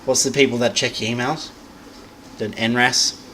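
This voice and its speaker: A man's voice: mid-range voice, fairly even intonation, normal speed, bright, forceful tone, slight background noise, rough recording. A young man, talking casually and crudely at home for his vlog, swearing and muttering as he browses. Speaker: vlogger. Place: home room.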